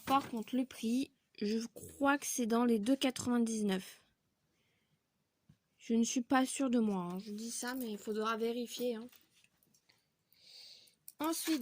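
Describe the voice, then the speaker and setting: A woman vlogger showing her coloring supply purchases in a casual haul video, chatty and filling pauses with little connecting words. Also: on the high side, darkish tone. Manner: chatty, fills pauses with donc and voilà.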